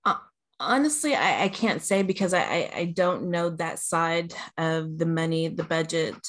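A woman's voice: low-pitched, expressive, normal speed, fairly bright tone. A woman speaking carefully and hesitantly in a casual discussion.

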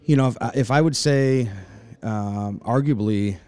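A forty-year-old fight matchmaker from Michigan, USA, answers interview questions chattily, sprinkling in plenty of "you know." He speaks at a measured pace in a mid-range, mellow voice with a clean tone.

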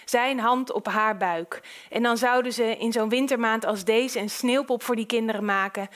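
A woman narrating an audiobook in a calm, measured storytelling voice. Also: on the high side.

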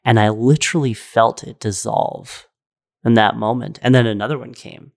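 A man's voice: medium pitch, steady tone, normal speed, gravelly. A young adult man telling a spiritual story in casual chat, earnest and rambling, with lots of fillers. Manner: rambling and earnest, full of "like" and "right?".

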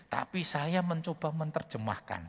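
A man's voice: a little high, expressive, moderate pace, creaky, long reverb tail, lo-fi sound, background noise. A man preaching a sermon, telling stories animatedly and often addressing his listeners directly. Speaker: pastor.

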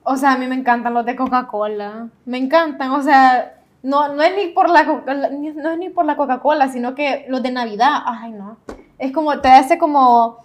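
A woman's voice: sits high, moderate pace. A woman in casual conversation, speaking Spanglish, dropping English words into her Spanish. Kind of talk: casual chat.

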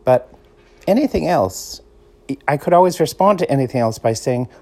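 Pitched on the high side with a darkish tone, this middle-aged man talks at normal speed with lively intonation. He's a Boston-accented podcast host from the Boston area, rambling through his casual solo show like a relaxed, chatty storyteller.

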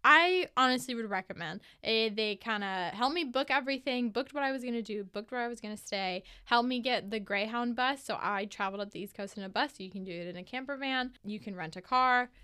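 A woman's voice: on the high side, brisk, few pauses, sharp tone, clean tone. A young American woman hosting a casual solo storytelling podcast, chatty and emphatic, swearing freely. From United States. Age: young adult. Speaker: podcast host.

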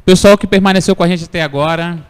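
A man hosting a casual podcast conversation, telling stories in a playful, animated way. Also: sits high, fast talker, clear, resonant tone, long reverb tail. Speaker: podcast host.

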